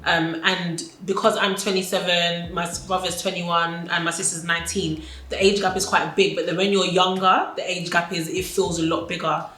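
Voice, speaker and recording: A woman's voice: fairly low pitch, level tone, normal speed, few pauses, a bit bright. A woman in her twenties answering documentary interview questions in a reflective, casual way with many fillers. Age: 20s. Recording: echoey room with faint noise.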